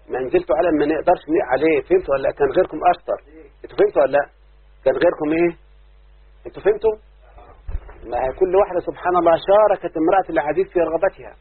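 Egyptian male grammar teacher, brisk and husky, muffled phone-like recording. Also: on the high side. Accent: Egyptian Arabic. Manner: keeps asking students if they understood; chants verses slowly. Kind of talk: classroom grammar lesson.

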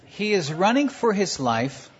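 Animated preacher, husky voice, lo-fi recording. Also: mid-range voice, measured pace. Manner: animated, acts out the story with stutters and shouts. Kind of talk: sermon with live interpretation.

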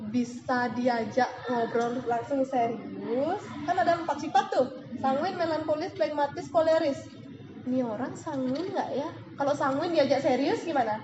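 A woman giving an animated motivational talk to a sales team, acting out examples as she goes. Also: high-pitched. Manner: lively, animated, acts out examples. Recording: echoey room, dull lo-fi, noisy.

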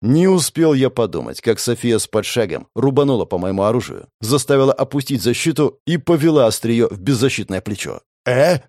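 A man's voice: mid-range voice, expressive, brisk, few pauses, darkish tone, dry recording, clean studio sound. A man reading a first-person audiobook in a tense, gritty storytelling manner. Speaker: audiobook narrator.

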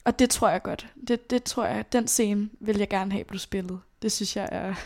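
A young woman telling a personal story as an interview guest, in a casual, halting way with many fillers and casual swearing. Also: medium pitch, fairly even intonation, creaky, a little mellow. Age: young adult.

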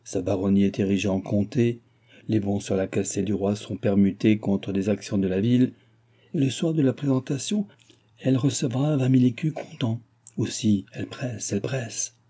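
Man doing a scheming excitable nobleman, theatrical, insinuating, dark voice, audiobook. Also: fairly low pitch, moderate pace, breathy edge.

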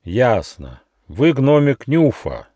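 A man voicing a male peacock guard who speaks strictly and commandingly, slow and measured. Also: mid-range voice, big pitch swings, dark tone, no echo, studio quality, pitched above the performer's own voice. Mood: stern, haughty.

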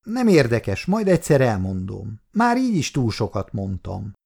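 A man voicing a kind, weary old man in a wheelchair in an audiobook, speaking calmly and gently. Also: medium pitch, vocal fry, full character voice. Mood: gentle.

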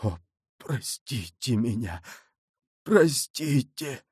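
A dying, guilt-ridden executioner, played by a male reader, begs for absolution in a faint, desperate voice. He pleads very slowly, with each phrase strained. The sound is dry and close, audiobook-style. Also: mid-range voice, a little mellow, dry recording, lightly acted. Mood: begging. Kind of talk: audiobook character reading.

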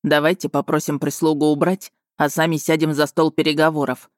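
A man voicing a commanding wolf lord who speaks steely, calm and sardonic in an audiobook. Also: a little high, a little fast, dry recording, studio quality, natural voice. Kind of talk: audiobook dialogue reading.

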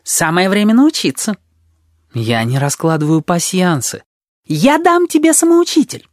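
A man voicing an excitable, chattering teenage boy who is fussy and bossy in an audiobook. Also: high-pitched, dry recording, studio quality, voice pushed up. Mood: coaxing. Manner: fussy, bossy, quick to object.

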